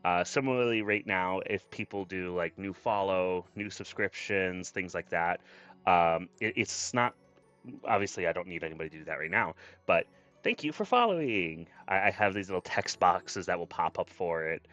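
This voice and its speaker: A man's voice: sits low, steady tone, normal speed, fairly bright tone, clear, resonant tone, highs cut off. A man chatting casually on a livestream as a VTuber, effusive and grateful in manner. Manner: effusive, grateful, often thanking viewers. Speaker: streamer and VTuber. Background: background music.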